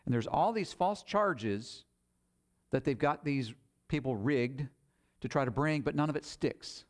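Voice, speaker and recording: A man's voice: medium pitch, lively intonation, unhurried. A man preaching a sermon, retelling scripture in plain, conversational paraphrase.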